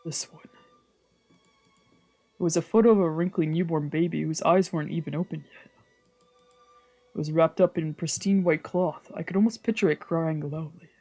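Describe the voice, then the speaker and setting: With faint music behind, a streamer reads a visual novel in a mellow, mid-range voice, keeping fairly even intonation at normal speed and pausing often. The narration comes in first person with translated lines and whispered asides.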